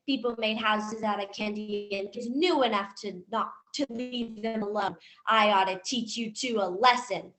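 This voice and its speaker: Woman acting old witch, crotchety, theatrical, comic stage play, bright high voice, animated pitch. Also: natural voice, low-quality recording. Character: scolding old candy-house witch, greedy and cackling.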